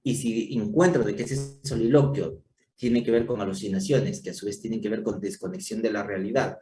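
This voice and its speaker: A man's voice: fairly low pitch, normal speed, dark tone. Male lecturer, patient and explanatory, recorded from a distance with faint background noise. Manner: explanatory, checks in with frequent rhetorical questions. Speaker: psychiatry lecturer. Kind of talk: university lecture. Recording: echoey room, distant mic, faint noise.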